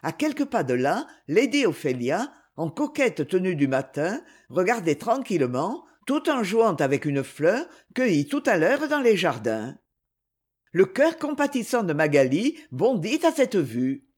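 A woman narrating a novel aloud in an expressive storytelling manner. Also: fairly low pitch, a little slow, husky. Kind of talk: audiobook narration.

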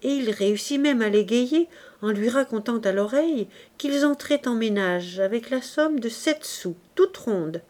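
In a medium-pitched voice, a woman gives a measured, expressive audiobook reading of a classic novel.

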